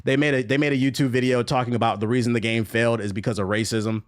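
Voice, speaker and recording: Quick-paced and mid-range, the young man's voice runs through gaming news on a live stream. He's animated, mocking and profane in a casual way, breaking into bursts of laughter between remarks.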